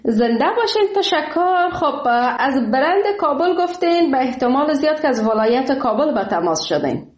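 A woman's voice: high voice, expressive, roomy sound. Cheerful woman radio host with a Kabul accent. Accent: Kabuli Dari. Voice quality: warm and welcoming, laughs often. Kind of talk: phone-in radio chat. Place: radio studio.

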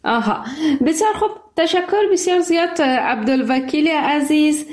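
High-voiced woman hosting a radio call-in. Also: lively intonation, roomy sound. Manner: polite, warmly formal with callers. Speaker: radio call-in show host. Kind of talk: live radio call-in chat.

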